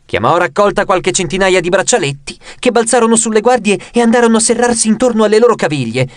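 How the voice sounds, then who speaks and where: Male audiobook narrator, expressive reading, high-pitched, dry studio sound. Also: quick pace, dry recording. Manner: expressive, raises pitch for quoted lines. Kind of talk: audiobook reading with character voices.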